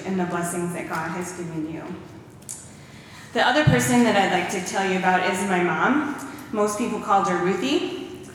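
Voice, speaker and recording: A woman with a lowish voice stands before a church congregation, warmly telling stories and quoting scripture in her testimony. The hall echoes, the recording is made from far off, and a slight hiss or hum is audible.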